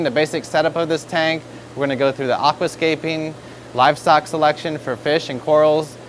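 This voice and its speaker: A man's voice: fairly high pitch, a little hiss or hum. American male host, thirties, store tutorial, instructive and upbeat, lapel mic in a showroom. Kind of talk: product demonstration tutorial.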